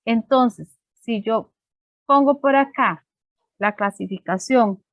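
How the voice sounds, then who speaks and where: A woman teaching an online class, talking patiently and explaining each step with plenty of fillers. Her voice sits a little high and sounds dry and close to the computer microphone, with no room echo. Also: slow. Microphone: computer microphone on a video call.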